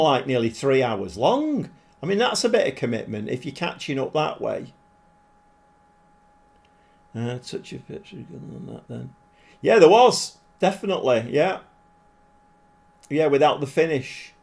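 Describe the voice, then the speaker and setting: With a fairly high pitch and noticeable vocal fry, a man chats informally with viewers as he streams a football management game. He's quick to get excited and often puts himself down.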